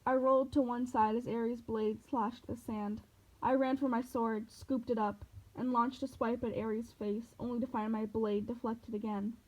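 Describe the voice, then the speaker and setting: A woman's voice: fairly high pitch, level tone, moderate pace, darkish tone. A woman reading a novel aloud, telling the story steadily in the first person. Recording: dull lo-fi recording.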